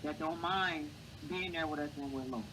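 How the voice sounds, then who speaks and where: This man's voice is light, high and boyish, with a bright, forceful tone at normal speed. As a guest in an informal interview he earnestly offers encouraging advice; the recording is rough, with clear background noise.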